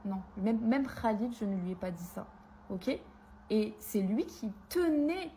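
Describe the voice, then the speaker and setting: A woman's voice: mid-range voice, expressive, measured pace, warm tone, slight background noise. A young woman telling her viewers an emotional story, hurt and angry as she talks. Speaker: content creator.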